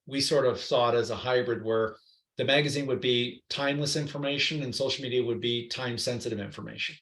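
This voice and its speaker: Animated storytelling man in a roomy room. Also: mid-range voice. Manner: lively, animated anecdotes with quoted voices. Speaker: guest. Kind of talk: storytelling interview chat. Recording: roomy echo.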